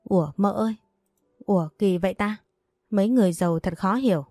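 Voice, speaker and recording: A woman's voice: mid-range voice, a little fast, warm tone, no echo, studio quality, faint music behind, natural voice. A woman voicing a naive, chatty young servant girl in an audio story, talking in blurting, puzzled bursts.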